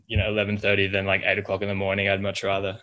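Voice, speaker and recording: A man's voice: sits low, completely flat delivery, very fast, highs cut off. A man of twenty-one with an Australian accent, chatting casually as an interview guest in an informal, rambling way full of likes and you-knows. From Melbourne, Australia. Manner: informal, rambling, hedging with like, you know, kinda, whatnot. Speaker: podcast guest, logo and brand designer.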